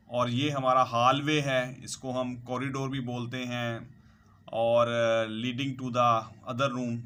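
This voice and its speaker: A man's voice: mid-range voice, pushed and bright. A male English teacher, talking over slides and listing word meanings and synonyms one by one. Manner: lists synonyms one by one, repeats "ठीक है जी". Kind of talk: slow vocabulary lesson over slides.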